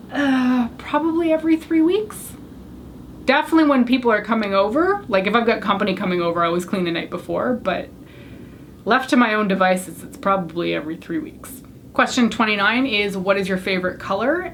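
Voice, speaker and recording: Answering a tag of questions for her casual Q&A video, a young French-first-language beauty YouTuber speaks candidly to the camera, chatty and self-deprecating. Her pitch is medium, and a little hiss or hum runs under the recording.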